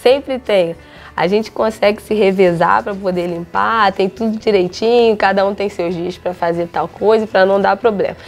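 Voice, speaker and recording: A woman's voice: mid-range voice, moderate pace, faint music behind. A young Brazilian woman footballer in a casual interview, telling stories and acting out the dialogue she quotes. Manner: chatty storytelling, acts out quoted dialogue.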